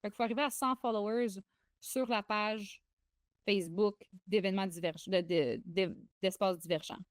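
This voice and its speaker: A woman's voice: medium pitch, normal speed, no echo. Chatty Québécois woman, dry close sound. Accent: Québécois French. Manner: excitable, chatty, frequent fillers and restarts. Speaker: podcast co-host. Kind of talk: casual podcast chat.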